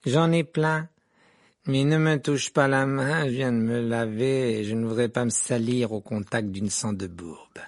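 A man's voice: medium pitch, big pitch swings, unhurried, gravelly, fairly bright tone, dry recording, studio quality, exaggerated voice. Malfoy, a man reading as a sneering teen wizard. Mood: taunting. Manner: mocking, taunting. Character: sneering arrogant teenage boy wizard.

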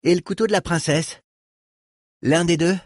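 A man doing Reich, a high whiny street kid. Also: moderate pace, no room sound, clean studio sound, lightly acted. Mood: cocky. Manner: slangy, whiny, pleading when cornered. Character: cheeky scrappy street boy, greedy and cocky. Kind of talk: audiobook character voice.

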